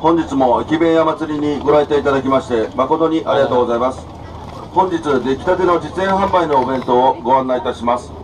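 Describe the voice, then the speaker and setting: A man's voice: medium pitch, fairly quick, noisy background. A man making a formal, polite announcement over a store's public address speaker. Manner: polite, honorific sales patter. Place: busy station food hall. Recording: distant PA with crowd chatter.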